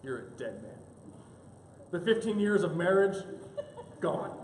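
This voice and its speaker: A pastor with a high-pitched voice speaks a little slowly as he preaches a sermon in a church sanctuary, animatedly telling a story and acting out its characters in quoted asides. The recording carries the echo of the church hall plus a little hiss or hum.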